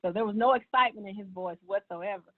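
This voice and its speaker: A woman's voice: medium pitch, fast talker. Woman telling her story over a tinny line. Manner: earnest storytelling with casual fillers. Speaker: speaker sharing her personal health story. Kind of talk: personal testimony talk. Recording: tinny, phone-like sound.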